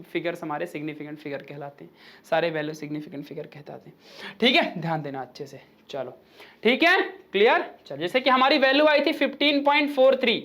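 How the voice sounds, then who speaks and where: Male physics tutor, high and animated, casual classroom banter. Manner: chatty, informal, reads rules aloud slowly then explains with asides. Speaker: physics teacher. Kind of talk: online classroom lecture.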